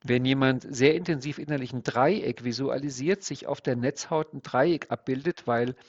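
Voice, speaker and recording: A man's voice: mid-range voice, normal speed. A man who works as an NLP trainer, explaining his ideas step by step in an interview. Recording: dull lo-fi sound.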